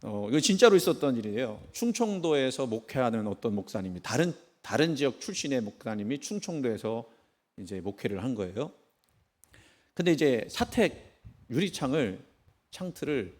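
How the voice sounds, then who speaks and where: Lively-voiced middle-aged pastor telling jokes. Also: male voice, mid-range voice. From Chungcheong, Korea. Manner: humorous storytelling, asks the congregation questions. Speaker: senior pastor. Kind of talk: sermon. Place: church sanctuary.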